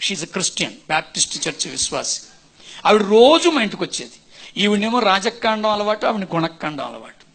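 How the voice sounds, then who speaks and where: A man's voice: sits high, very animated, brisk, husky. A male pastor telling his own conversion story as a sermon testimony, acting out quotes dramatically. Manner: dramatic storytelling, rising to shouts and voiced quotes.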